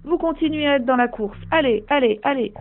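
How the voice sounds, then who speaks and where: A woman's voice: high-pitched, fairly quick. A woman leading a guided sports visualization, urging listeners on with repeated short commands. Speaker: coach guiding a visualization. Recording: tinny phone-like line with faint music.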